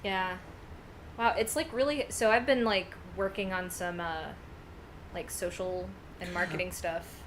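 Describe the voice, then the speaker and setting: A woman co-hosting a casual group livestream chat, talking in a relaxed, chatty way with many fillers. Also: fairly low pitch, unhurried, a little hiss or hum. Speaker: livestream co-host.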